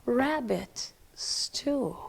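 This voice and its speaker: Hungry coyote in a kids' story, drawling, high and lively, a woman doing him. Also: drawn-out words, creaky, breathy edge, full character voice. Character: hungry male coyote, casual and plain-spoken.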